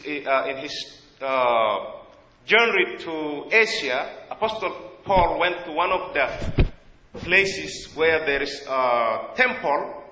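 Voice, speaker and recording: A man with a South Sudanese accent preaches at a church in America, his voice bright, forceful and a touch high. He talks earnestly but haltingly, stopping to find words, and the dull lo-fi audio echoes around a large church hall.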